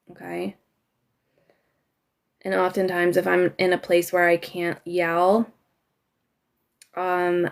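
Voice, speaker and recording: Woman with a gravelly, fry-edged voice. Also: lowish voice. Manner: slow, instructive guidance with soft, breathy asides. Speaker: healing coach. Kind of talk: guided emotional exercise on a live stream.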